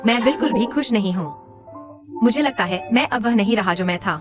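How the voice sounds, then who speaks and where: A woman's voice: on the high side, animated, brisk, lightly acted. A woman dubbing a frustrated young office worker in a TV drama, bitter and defensive. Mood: despairing. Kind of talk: Hindi dub of a TV drama. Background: music.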